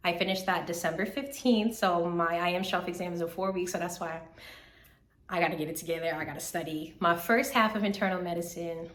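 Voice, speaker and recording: Chatty slightly hoarse woman. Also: lowish voice, brisk, echoey room. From Southern United States. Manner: chatty, animated storytelling, repeats phrases for emphasis. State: slightly hoarse from recent illness. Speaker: third-year medical student vlogger. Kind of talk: casual vlog life update.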